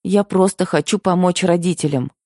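A man's voice: sits high, moderate pace, a little mellow, dry recording, clean studio sound, pitched above the performer's own voice. A man voicing an emotional young wife in an audiobook, pleading and tearful. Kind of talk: audiobook character voice.

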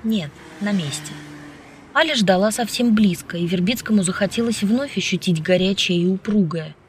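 A woman narrating a novel as an audiobook in a steady, even storytelling manner. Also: mid-range voice, moderate pace, slight background noise. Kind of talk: scripted narration.

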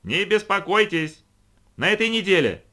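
A man voicing a calm, indifferent salesman who answers evasively in a read-aloud story. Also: medium pitch, brisk. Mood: shouting. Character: cool, indifferent male salesman-inventor.

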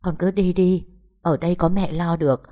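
A tough but tender middle-aged mother from a village, read by a woman narrator, speaking in a low, mellow voice. She talks earnestly and soothes those around her. Audiobook storytelling. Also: fairly even intonation, normal speed, lightly acted. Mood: anxious, soothing.

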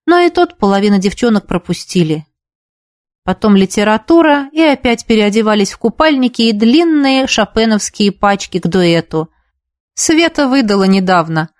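A woman narrating an audiobook in a steady, even reading manner. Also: medium pitch, moderate pace, dry recording, clean studio sound.

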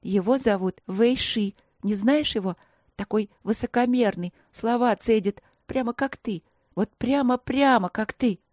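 Woman doing a high chatterbox little girl seer, pleading, talks fast, close dry sound. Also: no echo. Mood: chattering eager. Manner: rapid, pleading, excitable.

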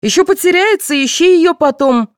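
Женщина играет раздражённую резкую мать. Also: female voice, very high-pitched, expressive, normal speed, no room sound, studio quality, pitched above the performer's own voice. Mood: irritated. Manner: dismissive, snapping. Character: sharp-tongued impatient mother.

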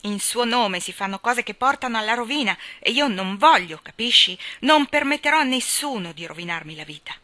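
A woman's voice: on the high side, expressive, brisk, hardly any pauses, bright, forceful tone, no echo. A woman reading aloud and giving voice to a tormented young woman doctor, speaking out in impassioned, defiant bursts. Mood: fierce. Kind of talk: dramatic audiobook reading.

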